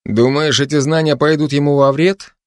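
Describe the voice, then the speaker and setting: A man voices a wry, grumbling male constable in an audiobook, bickering sarcastically with a cat in dry, sardonic, chatty banter. His voice is fairly high, pitched above his own yet close to an everyday voice, with fairly even intonation, a moderate pace, and no room sound.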